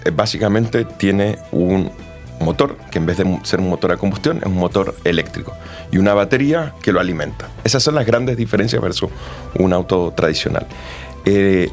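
A man's voice: fairly low pitch, lively intonation, a little fast, soft background music. A man from Argentina with an Argentine accent, a company manager chatting as a guest in an interview, friendly and full of restarts. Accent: Argentine Spanish. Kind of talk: casual interview answers.

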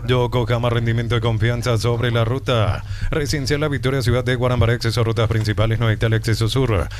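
A man reading radio ads in a brisk, punchy sales delivery. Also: mid-range voice, level tone, a little hiss or hum. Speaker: radio ad announcer. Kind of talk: rapid scripted ad reading.

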